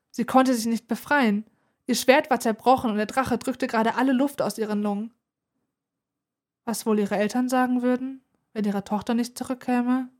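Lady reading a kids fairy tale out loud, steady and expressive. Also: mid-range voice. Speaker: narrator. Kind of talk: storybook reading.

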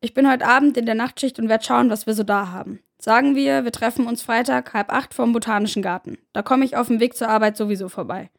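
A woman voicing a loud, coarse male drug dealer who smokes heavily and talks bluntly in slang, shouting as if on the phone. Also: a little high, fast, vocal fry, hardly any pauses. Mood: brusque.

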